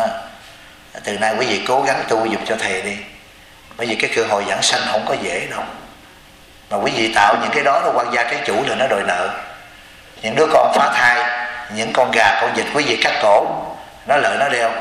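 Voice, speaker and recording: A man's voice: mid-range voice, bright, forceful tone, a little hiss or hum. A man, a Buddhist teacher preaching a sermon and keeps asking his listeners rhetorical questions. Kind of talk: sermon to a congregation. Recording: echoey hall with long reverb.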